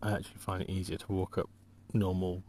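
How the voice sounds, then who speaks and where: Deep-voiced man rambling on a walk. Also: monotone, a little mellow, a little hiss or hum. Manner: rambling, halting, many restarts and trailing thoughts. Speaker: walking vlogger and artist. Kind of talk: casual rambling monologue.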